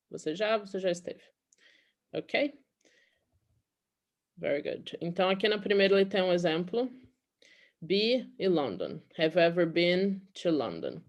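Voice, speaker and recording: A Brazilian woman teaches an English class in Portuguese, explaining patiently and frequently checking in with "okay?". Her voice is on the low side.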